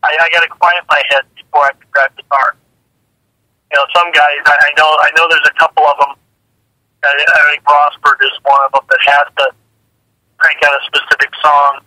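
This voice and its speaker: A woman's voice: sits low, flat delivery, brisk, bright, forceful tone, no echo, low-quality recording. A woman who drives jet dragsters, chatting casually in an interview, repeating words and laughing easily.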